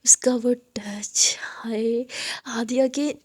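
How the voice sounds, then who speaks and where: A woman's voice: a little high, fairly even intonation, drawn-out words, a little mellow. A woman telling a love story in a casual, chatty retelling style. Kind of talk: casual spoken story narration.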